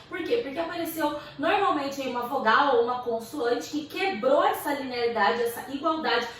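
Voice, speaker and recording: A woman's voice: high voice, a bit bright, far from the mic, slight background noise. A young Brazilian woman with a Brazilian Portuguese accent, teaching a literature lesson in a chatty, slangy way with playful asides. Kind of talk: casual video lesson. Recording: echoey room, voice from off-mic.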